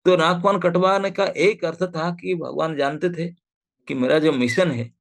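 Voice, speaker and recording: A man's voice: on the high side, fairly even intonation, unhurried, vocal fry. A man giving a scripture talk as a swami, retelling the story animatedly and voicing the characters in quotes, mixing in English phrases, heard over a video call. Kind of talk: storytelling sermon.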